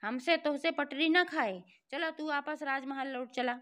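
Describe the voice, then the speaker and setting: A woman's voice: high voice, unhurried, a bit bright. A woman voicing a stubborn, threatening male frog suitor in a devotional folk tale, speaking bluntly with a Bhojpuri-inflected accent. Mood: demanding. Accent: Bhojpuri-inflected Hindi.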